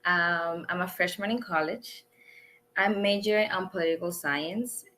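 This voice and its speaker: Young colombian-born woman, lowish voice, talks with lots of pauses. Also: pushed and bright, a little hiss or hum. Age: young adult. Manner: hesitant, with pauses and fillers. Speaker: college student guest.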